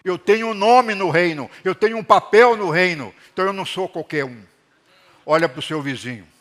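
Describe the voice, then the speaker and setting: A middle-aged man preaching a sermon to his congregation in a church hall, animated and calling for responses. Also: high-pitched, fairly quick. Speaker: pastor.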